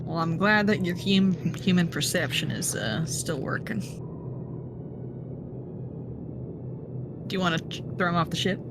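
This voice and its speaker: A woman's voice: on the low side, expressive, fairly quick, creaky. A woman voicing a dry, prickly skeleton outlaw in a tabletop game, hesitant and sardonic. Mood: dry, casual. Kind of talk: tabletop role-play. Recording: noticeable background noise.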